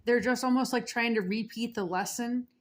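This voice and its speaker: A woman's voice: a little high, moderate pace. A woman in casual chat who speaks hesitantly, leans on fillers and agrees easily.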